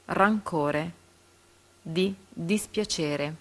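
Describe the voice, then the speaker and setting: She reads the reading-comprehension questions and options aloud in a slightly bright, lowish voice, taking a careful pause after each letter.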